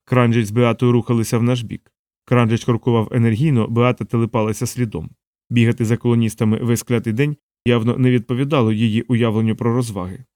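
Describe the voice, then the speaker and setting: A man narrating a science fiction audiobook in a measured storytelling voice. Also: medium pitch, flat delivery, warm tone, dry recording, studio quality.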